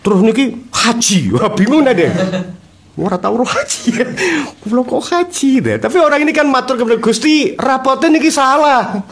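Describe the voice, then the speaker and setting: A man's voice: very high voice, normal speed, a little hiss or hum. A man, a cleric giving a humorous sermon lesson and acting out the voices in his stories. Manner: animated storytelling, acting out dialogue, frequent laughter from listeners. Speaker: Islamic cleric teaching a religious text. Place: religious study gathering.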